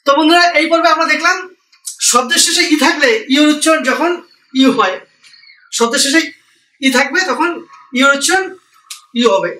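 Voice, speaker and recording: Here a man from India teaches English vocabulary, patiently spelling out every word and explaining its meaning. His very high voice has a sharp edge, moving at a moderate pace with long pauses, and the distant, echoey recording carries a little hiss or hum.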